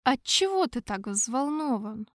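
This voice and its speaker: A woman voicing a gentle, soft-spoken elderly pope. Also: on the high side, very animated, unhurried, no echo, clean studio sound. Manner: soft, mild.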